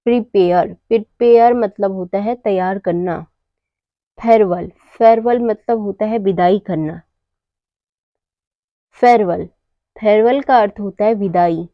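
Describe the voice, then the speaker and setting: Slow, careful woman teaching English words. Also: medium pitch, dry recording, muffled recording. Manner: asks and answers her own questions. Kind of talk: slow explanatory lesson.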